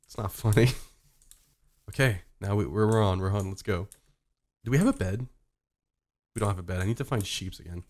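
A streamer giving live gameplay commentary, excitable, swearing constantly and breaking into laughter and yells. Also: sits low, a little fast, pauses often.

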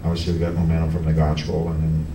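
A middle-aged man, a hockey coach, answering reporters at a post-game press conference, halting with many restarts and fillers. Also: rumbling low, monotone. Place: press room in front of a team backdrop. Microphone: table mic on a stand, heard from a camera farther off. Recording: echoey room, distant camera, background noise.

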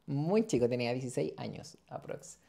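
A man's voice: medium pitch, lively intonation, fairly quick, gravelly, warm tone. A man in his twenties with a Chilean accent, talking loosely as a podcast guest, slangy and rambling with lots of fillers, recorded on a lapel mic in a small studio. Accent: Chilean Spanish. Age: 20s. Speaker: podcast guest, dental student. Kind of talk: casual interview chat. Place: small studio room, seated in armchair.

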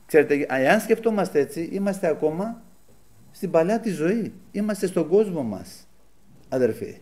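Male preacher, fairly high voice, lively, swooping delivery, animated storyteller. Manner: animated storytelling, voice rising when quoting angry people. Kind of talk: sermon.

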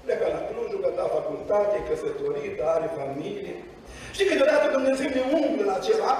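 A Romanian man preaching a sermon in a church, telling stories and acting out the dialogue with lively energy. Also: very high voice, a little hiss or hum. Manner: animated storytelling, acting out dialogue. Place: church hall. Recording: echoey hall from far off.

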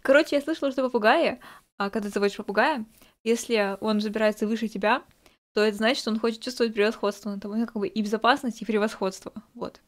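High-voiced, cute woman streamer. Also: fast. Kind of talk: casual reaction commentary with live translation.

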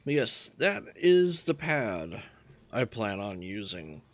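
A man casually talking through his gameplay, relaxed and rambling as he thinks aloud. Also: lowish voice, takes it slowly. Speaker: gaming channel host.

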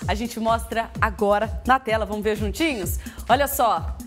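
A young woman with a Brazilian accent presenting a lively sports news segment in a TV studio. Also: on the high side, moderate pace, soft background music. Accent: Brazilian Portuguese. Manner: lively, laughs along with co-host. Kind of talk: live TV sports segment, chatty.

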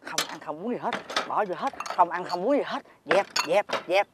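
A shrill nagging old wife. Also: female voice, lively intonation, a little fast, heavy background noise. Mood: scolding. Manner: shrill, scolding.

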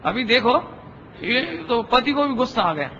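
A Jain scholar delivers a sermon with parables in a dull, echoey lecture hall, with a little hiss or hum on the recording. His very high voice is pushed and bright, very animated yet unhurried. He tells stories, acts out voices in anecdotes, and repeatedly asks rhetorically whether the audience has understood.

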